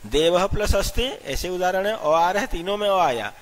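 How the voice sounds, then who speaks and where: A man teaching a grammar lesson step by step, asking questions and answering them himself, and spelling out letters slowly one at a time. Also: sits high, animated. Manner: explains step by step, asks and answers his own questions. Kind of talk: classroom-style grammar lesson.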